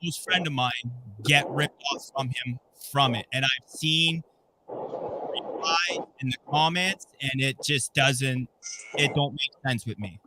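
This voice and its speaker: Animated man from Canada, noisy line. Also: medium pitch, unhurried. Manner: animated, emphatic, promotes events. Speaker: podcast guest. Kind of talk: casual chat.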